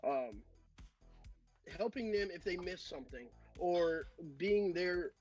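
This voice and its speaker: A man's voice: high-pitched, animated, takes it slowly, soft background music. A man talking casually as a guest on a podcast, an esports coach sharing his experience.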